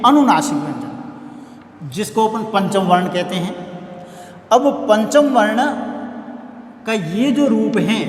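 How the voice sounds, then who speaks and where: A male college teacher giving a classroom lecture, repeating key words and asking the class questions as he explains. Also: high voice. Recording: echoey room with long reverb.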